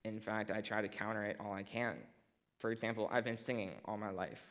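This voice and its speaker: A teenage boy giving a prepared stage talk to a school audience, measured and dry, with a self-deprecating sense of humor. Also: lowish voice, flat delivery, fairly bright tone, poor audio. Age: teens. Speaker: student speaker.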